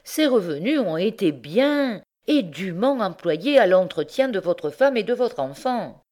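Slow, measured old schemer of an uncle, cold and vindictive, read by a woman. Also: mid-range voice, big pitch swings, a little mellow, voice pushed up. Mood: calm. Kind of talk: audiobook character reading.

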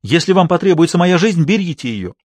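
A man's voice: a little high, big pitch swings, brisk, a little mellow, dry recording, clean studio sound, pitched above the performer's own voice. A man reading an ardent, impulsive young man who speaks in eager exclamations, in an audiobook.

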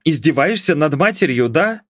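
A man putting on a shrill, nagging middle-aged mother. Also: lively intonation, normal speed, a bit bright, no room sound, clean studio sound. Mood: scolding. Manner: shrill, indignant and scolding.

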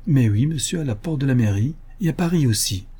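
A man's voice: mid-range voice, animated, brisk, mellow, breathy edge, pitched above the performer's own voice. A man voicing a timid, faithful aging male servant who stammers and pleads, in an audiobook reading. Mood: eager. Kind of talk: audiobook character voice.

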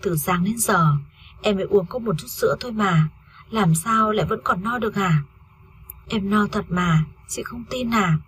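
A woman's voice: medium pitch, moderate pace, a bit bright, a little hiss or hum, lightly acted. Woman voicing a grieving young wife, tearful. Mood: bitter. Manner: tearful, pleading. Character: grieving young woman who lost her baby.

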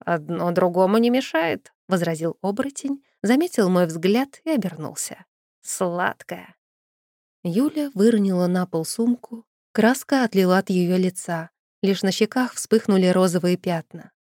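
A woman reading a first-person fantasy audiobook with dramatic, expressive storytelling. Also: on the low side, moderate pace, dry recording, studio quality. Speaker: audiobook narrator.

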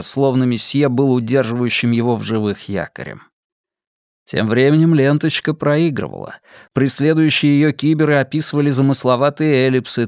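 A man giving a measured, expressive audiobook reading of a science-fiction story. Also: mid-range voice, no room sound, clean studio sound. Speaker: audiobook narrator. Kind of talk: dramatic audiobook narration.

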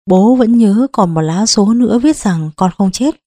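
A woman's voice: medium pitch, animated, a little slow, dark tone, dry recording, clean studio sound. A woman reading an audiobook, voicing an anguished, loving middle-aged father who speaks tenderly and pleadingly.

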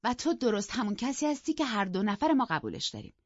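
A woman voicing a teasing, mischievous young lady of the house in an audiobook, loud and mocking. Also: fairly high pitch, husky, no echo, lo-fi sound, pitched above the performer's own voice, heavily acted. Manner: lively, mocking, raising her voice. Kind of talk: audiobook character voice.

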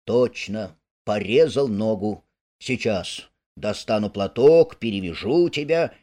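A man's voice: on the low side, lively intonation, mellow. Man doing an impatient, bustling rat. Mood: thoughtful. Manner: brisk, impatient, bossy. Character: bustling excitable male water rat.

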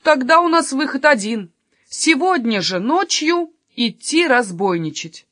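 Kasper, a woman doing a loud bossy robber. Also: high voice, expressive, unhurried, dry recording, clean studio sound, pitched above the performer's own voice. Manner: exclaiming, shouting. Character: loud bossy male robber, quick to anger.

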